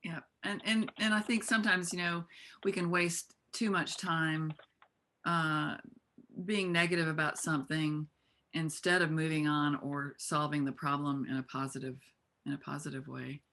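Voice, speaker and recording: Woman festival organizer, low bright tone, calm and measured, panel chat. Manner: calm, measured, many restarts. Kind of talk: casual panel discussion. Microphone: video call.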